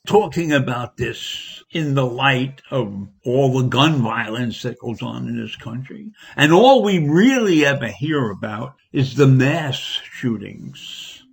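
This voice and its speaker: Indignant husky-voiced man commentator. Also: animated, takes it slowly, few pauses. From United States. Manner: indignant, rising pitch on emphasis. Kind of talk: opinion monologue.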